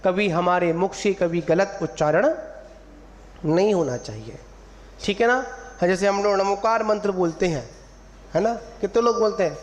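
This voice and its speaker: A man's voice: sits high, normal speed, pauses often. A man, a monk, giving a sermon to an assembly, drawing out syllables to teach pronunciation and quizzing his listeners. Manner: teacherly, drawing out syllables to model pronunciation, asks the audience questions. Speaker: Jain monk preacher. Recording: long hall reverb, faint room ambience.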